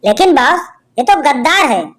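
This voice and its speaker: A woman's voice: sits high, sing-song, moderate pace, fairly bright tone. Woman voicing an urgent gang henchman. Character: gangster's henchman.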